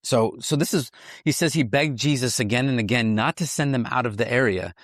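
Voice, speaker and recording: A man's voice: mid-range voice, a little fast, no echo. Man explaining scripture outdoors, dry sound. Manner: animated explainer with frequent restarts. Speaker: Bible teacher host. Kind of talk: conversational Bible teaching. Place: outdoors at ancient hilltop ruins.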